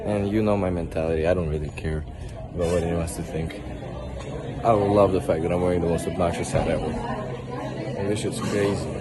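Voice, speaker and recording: Slightly hoarse man vlogging. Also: low-pitched, fairly even intonation, a little fast, long pauses, a loud crowd, very noisy. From Russia. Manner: upbeat, rambling, swears casually. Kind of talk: casual walk-and-talk vlog. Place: outdoors on busy city streets and a marina.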